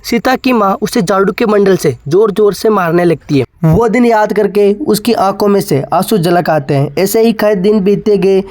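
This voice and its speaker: A man narrating a cartoon moral story in a plain, even manner. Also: high voice, normal speed, hardly any pauses.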